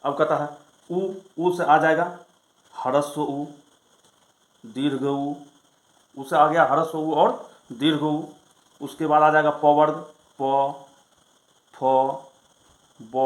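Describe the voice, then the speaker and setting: A male Sanskrit grammar teacher explaining rules in a lesson, reciting them slowly and then asking and answering his own questions. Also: a little high, echoey room, rough recording. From Bihar, India.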